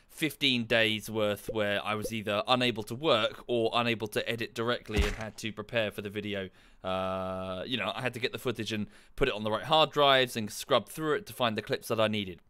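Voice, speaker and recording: A man livestreams from home, chatting casually and rambling while thanking viewers in passing. He's coming down with a cold, so he sounds a little nasal and bunged up. His voice is medium-pitched and a bit bright.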